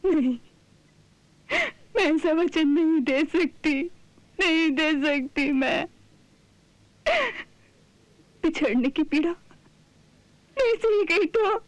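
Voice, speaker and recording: A woman's voice: high-pitched, slow pace, long pauses, no room sound. A grieving devoted mother. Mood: pleading. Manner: pleading, repeats herself in grief. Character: anguished loving mother of a young god. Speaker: actress in a TV drama. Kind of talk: devotional TV drama acting.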